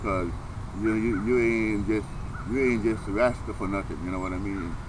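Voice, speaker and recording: A man's voice: lowish voice, fairly even intonation, normal speed. A man giving a casual, rambling monologue in earnest, preaching Rasta speech, often stammering and repeating words several times. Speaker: vlogger. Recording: noisy, outdoor traffic ambience.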